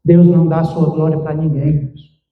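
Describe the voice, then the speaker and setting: High-voiced pastor preaching in a church. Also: male voice, level tone, a little fast. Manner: preaching with emphatic swings. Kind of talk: sermon. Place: church sanctuary. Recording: echoey church, distant mic, muffled.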